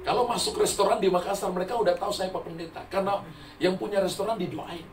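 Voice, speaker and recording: High-voiced pastor preaching with laughter. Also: male voice, fairly even intonation, quick pace. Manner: humorous storytelling, laughing often. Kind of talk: sermon. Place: church hall. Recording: roomy echo from far mic, music. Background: music.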